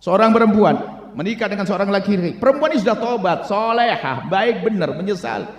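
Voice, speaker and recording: A male preacher delivers an animated sermon with a fairly high voice. He jumps from loud, emphatic lines to near-whispers and keeps asking rhetorical questions. A long hall echo trails every phrase. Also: fairly quick. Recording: echoey hall.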